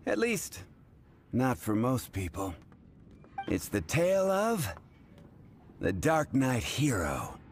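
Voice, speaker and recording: An actor playing an easygoing, chatty tavern bartender in a fantasy game, with a wry conversational manner. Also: male voice, medium pitch, huge pitch swings, slow, pauses often, background noise, heavily acted. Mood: wry, amused. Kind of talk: fantasy game character acting.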